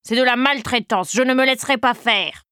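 A woman's voice: fairly high pitch, brisk, bright, forceful tone, clear, resonant tone, no echo, studio quality, pitched above the performer's own voice. A woman voicing a pompous, indignant old man threatening to sue.

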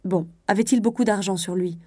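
A woman voicing a calm clerk cousin. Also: medium pitch, a little fast, breathy edge, no room sound, clean studio sound, lightly acted. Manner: calm, matter-of-fact. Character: composed male cousin, a civil servant.

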